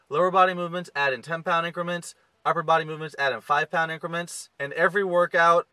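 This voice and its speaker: A young man in his twenties talks straight to the camera from the driver's seat of a car, laying out gym steps in a steady, instructive way. His voice is bright and forceful, a little higher than most men's, and sounds close and dry. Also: dry recording, low-quality recording. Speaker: fitness coach. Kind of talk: direct-to-camera fitness tips. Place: inside a parked car. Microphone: camera close to the face.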